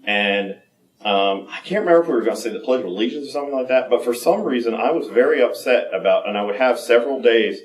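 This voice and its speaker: A man giving a candid personal talk at a conference, halting and full of fillers and restarts. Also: mid-range voice, expressive. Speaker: conference speaker. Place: conference room. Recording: echoey room, mic from a distance.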